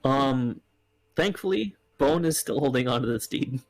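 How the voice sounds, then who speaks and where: A man narrating as game master of a tabletop game, slow and hesitant with frequent pauses. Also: mid-range voice, lively intonation, rough recording.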